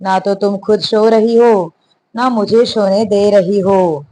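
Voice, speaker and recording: Woman voicing a gruff young husband, curt and irritated, unhurried delivery, storybook reading. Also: medium pitch, fairly even intonation, dark tone, a little hiss or hum, lightly acted.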